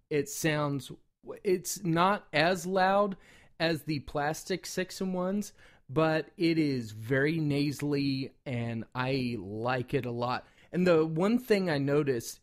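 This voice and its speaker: Male reviewer, somewhat high voice, informal and loosely rambling, everyday hobbyist review delivery. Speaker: product reviewer and call maker. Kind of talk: casual product review talk.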